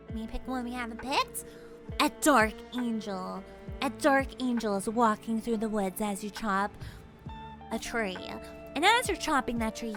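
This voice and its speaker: A woman streamer in a goddess persona, telling an improvised comic story in a playful, giggly way. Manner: playful, giggly, swooping pitch. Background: music.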